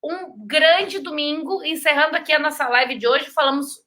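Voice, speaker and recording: A high, bright-toned woman with a Brazilian Portuguese accent hosts a casual live stream from home. She chats freely and reads viewer comments aloud, greeting them with affectionate sign-offs. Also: normal speed. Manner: chatty, warm greetings to viewers, sends kisses.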